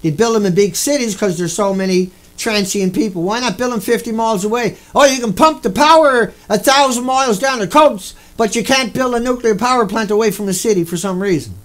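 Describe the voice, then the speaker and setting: Angry ranting man, high voice. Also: fairly quick, hardly any pauses, low-quality recording. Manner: repetitive, profane, indignant; shouting bursts. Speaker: video host.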